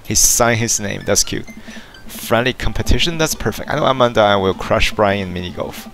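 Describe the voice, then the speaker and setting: A man's voice: fairly low pitch, normal speed, fairly bright tone, slight background noise. A man playing a dating game, casually reading its text aloud and stumbling over words now and then. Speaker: let's play gamer.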